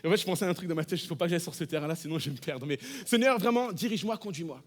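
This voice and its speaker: Fast-talking high-voiced male preacher. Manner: animated storytelling, shifting from hushed to loud. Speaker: pastor. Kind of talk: sermon. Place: church.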